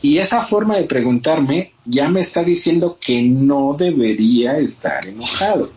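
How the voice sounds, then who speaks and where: A man's voice: medium pitch, animated, moderate pace, darkish tone. Guy hosting a podcast, walks through it step by step, bit muffled sound. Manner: explains step by step, acts out quoted dialogue. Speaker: podcast host. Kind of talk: casual conversational explanation.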